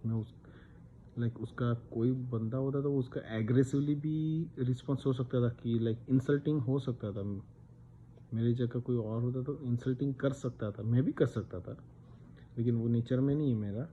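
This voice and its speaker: A man's voice: medium pitch, fairly even intonation, normal speed, warm tone. A man in his thirties from India, telling a personal story in a casual vlog, chatty and dropping English words into his talk. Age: 30s. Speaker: vlogger. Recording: slightly dull sound with faint background noise.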